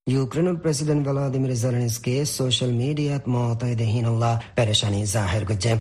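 A man presents scripted news in the manner of an AM and shortwave radio announcer. He has a Rohingya accent and a medium-pitched voice with a lightly husky grain. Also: fast.

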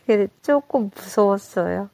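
North Korean woman, halting and colloquial. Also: medium pitch, expressive, gravelly. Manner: halting, unpolished, colloquial telling. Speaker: interviewee telling her own story. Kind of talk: casual personal interview.

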